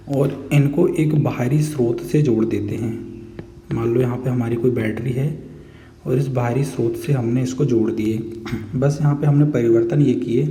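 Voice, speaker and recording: A man with a Hindi accent teaches a chemistry lesson in a warm, very dark voice. He moves through the material step by step, checks often that the class is following, and answers the questions he puts to them. The recording carries a long reverb with a faint hiss underneath. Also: mid-range voice. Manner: explains step by step with constant "theek hai" check-ins; asks and answers his own questions. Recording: echoey room with long reverb, faint background noise.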